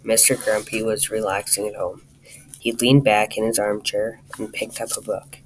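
A man reading a children's storybook aloud, talking straight to the listener in a lively way. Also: lowish voice, normal speed, slight background noise, rough recording. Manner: lively, addresses the listener directly.

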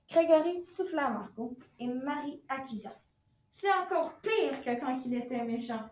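High-voiced woman reading a storybook. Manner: expressive storytelling. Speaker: storybook reader. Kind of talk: reading a children's picture book aloud. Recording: echoey room.

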